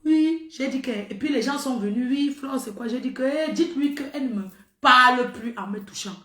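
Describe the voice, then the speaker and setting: A middle-aged woman talks straight to her viewers, telling a story in an animated, emphatic way and hammering her points home by repeating them. Her voice sits high and sounds bright and forceful. The recording has a noticeable roomy echo. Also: normal speed. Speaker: social media personality.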